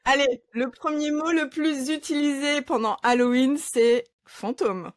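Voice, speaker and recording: A woman's voice: high voice, measured pace, no echo, clean studio sound. A woman hosting a quiz segment in a casual panel show, upbeat and leading the game. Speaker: host.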